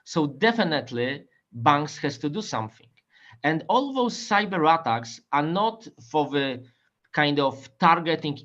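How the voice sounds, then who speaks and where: A man who is a bank security officer, speaking on a conference panel in a measured way with a slightly high voice. The recording sounds a little dull and lo-fi. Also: fairly bright tone. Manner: measured, with occasional restarts. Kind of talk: panel talk. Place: conference stage.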